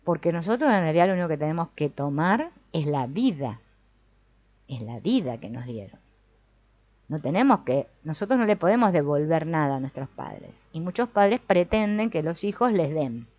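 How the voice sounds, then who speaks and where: A woman with a low, very animated voice speaks at a moderate pace while leading a family constellations group, reading from a book and offering reflective comments. She often checks in with the group, tacking on a questioning "no?" or "mm?". The dull lo-fi recording is dry, with no echo.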